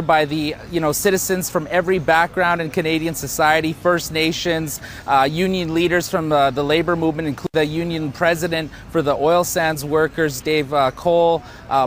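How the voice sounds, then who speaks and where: A man's voice: on the high side, a bit bright, slight background noise. A man in his thirties, a protest organizer, speaking passionately and fluently with some fillers in a live outdoor news interview.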